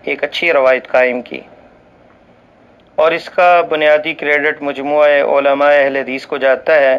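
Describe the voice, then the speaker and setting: A man reading a written religious ruling aloud in a formal, measured way, reciting Arabic scripture and now and then slipping and restarting a word. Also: a little high, steady tone, clear, resonant tone, muffled recording. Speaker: voice-over reader for a religious channel.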